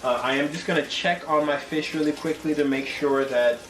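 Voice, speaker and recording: Hosting a home cooking video, a tipsy man chats loosely to camera as he cooks, rambling and losing his train of thought. His voice is a little high with a steady tone and moderate pace, recorded from a distance in a roomy kitchen with music playing.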